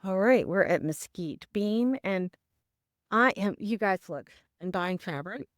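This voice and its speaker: A woman's voice: mid-range voice, animated, slow, no room sound, clean studio sound. A woman hosting a casual travel vlog, chatty and upbeat, talking straight to her viewers, with some scripted voice-over. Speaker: vlog host.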